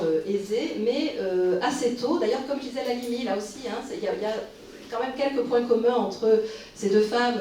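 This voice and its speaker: A woman with a mellow, medium-pitched voice lectures publicly in a conference hall, picked up by a distant mic in the roomy space. Her speech is halting, with many fillers and false starts, and slight background noise is present.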